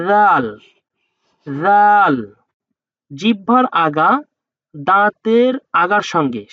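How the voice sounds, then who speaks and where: A man's voice: high voice, sharp tone, dry recording, dull audio. A man teaching Quran pronunciation, patiently explaining how to shape each letter and sounding it out two or three times. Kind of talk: slow letter-by-letter pronunciation lesson.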